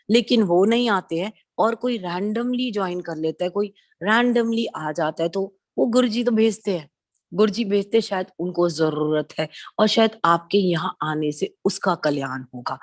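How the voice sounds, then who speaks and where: A woman in her forties speaks in a low voice, recounting her devotional experiences at a satsang. She tells them like a conversational story, mixing in English words and acting out quoted lines. The recording is dry and close, with no room sound. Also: no room sound. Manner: acts out quoted dialogue in her telling. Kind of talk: personal spiritual testimony.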